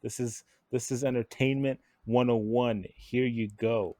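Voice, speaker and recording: A man's voice: medium pitch, steady tone, a little slow, a little mellow, no echo, clean studio sound. A tipsy man co-hosting a podcast, bantering casually with his friends. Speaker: podcast co-host.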